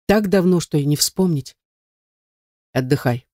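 A man reading a first-person novel aloud at a measured, even pace. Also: on the high side, no echo, studio quality. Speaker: audiobook narrator. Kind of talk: scripted first-person narration.

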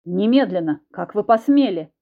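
A woman voicing a furious, blustering husband who shouts threats. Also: mid-range voice, lively intonation, normal speed, phone-quality sound, lightly acted. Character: enraged blustering husband, middle-aged man.

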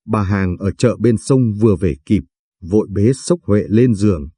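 Dark, husky-voiced male storyteller. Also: on the low side, a little slow, no echo, clean studio sound. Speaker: narrator. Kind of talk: scripted story narration.

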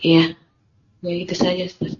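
A woman's voice: fairly low pitch, completely flat delivery, normal speed, a little mellow. A woman calling in with a question, her voice breaking up and cutting out over a glitchy line as she talks hesitantly with many fillers. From Indonesia. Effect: glitchy broken-up call signal, voice cutting out. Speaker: caller asking a question. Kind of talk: phone-in question to a teacher. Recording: dull lo-fi call line.

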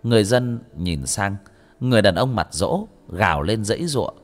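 A man narrating a horror story for an audiobook in a measured, steady delivery. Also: on the low side, soft background music.

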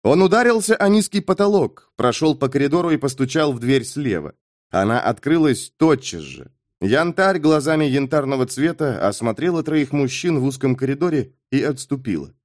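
A man narrates an audiobook with lively, expressive storytelling. His pitch sits mid-range for a man and moves a lot across the lines. The recording is dry and close to the mic. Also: normal speed, dry recording. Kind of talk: scripted narration.

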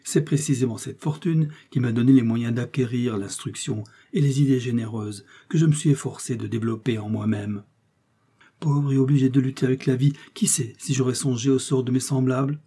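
A man's voice: mid-range voice, steady tone, brisk, mellow, slightly rough. A man voicing a wealthy young nobleman in an audiobook, ardent and bitter in his pleading. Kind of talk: audiobook character reading.

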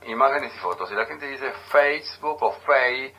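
A man with an Argentine accent co-hosting a casual radio chat, musing aloud with frequent pauses. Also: medium pitch, sharp tone, rough recording. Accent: Argentine Spanish. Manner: chatty, muses aloud with many pauses. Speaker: radio co-host. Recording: radio broadcast.

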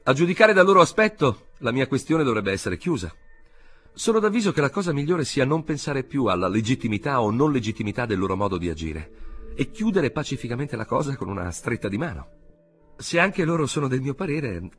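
A man's voice: medium pitch, very animated, fairly quick, a bit bright, faint music behind, voice pushed up. A man reading an audiobook voices an arrested man protesting his treatment in a raised, agitated voice. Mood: indignant.

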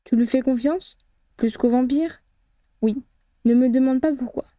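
A woman's voice: high-pitched, a little slow, warm tone, dry recording. Woman voicing a firm, wary wizard investigator. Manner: firm and controlled.

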